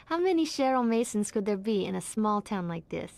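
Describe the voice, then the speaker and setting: A woman's voice: medium pitch, sing-song, normal speed, gravelly, a little mellow. An actress playing a sardonic young woman who breaks rules playfully, speaking in a wry, teasing way in a video game. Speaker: former student guiding a stranger.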